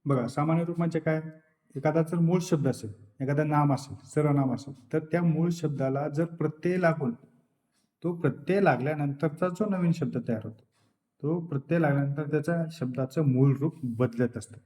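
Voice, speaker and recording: A man teaching a grammar lesson for exam preparation. He asks questions, answers them himself, repeats the key terms and now and then clears his throat. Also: fairly high pitch, moderate pace, mellow.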